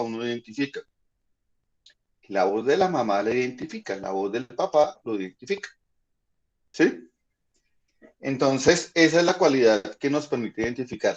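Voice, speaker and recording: A man teaching a high school physics class online, patiently explaining and checking in with the students often. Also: lo-fi sound.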